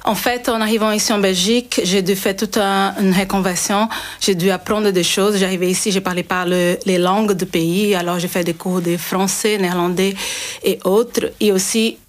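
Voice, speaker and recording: A middle-aged woman from Brazil speaks with a Brazilian Portuguese accent as a guest on a radio interview. Her voice sits at an ordinary middle pitch. She explains things earnestly and often breaks off to restart a sentence. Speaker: guest, cybersecurity consultant.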